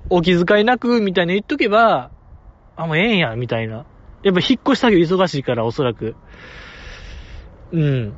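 A man hosting a podcast in casual chat, joking and playful. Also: fairly high pitch. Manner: animated, joking, playful put-on voices in quoted asides. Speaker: podcast host. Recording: dry, dull lo-fi podcast audio.

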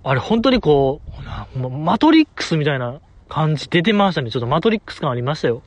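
A man with a fairly high voice talks alone into a close mic, loose and chatty, cracking jokes and poking fun at himself. The sound is dry and close, with no room around it. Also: very animated, fast, no room sound. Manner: joking, self-mocking, chatty. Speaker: podcast host. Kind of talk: solo casual chat.

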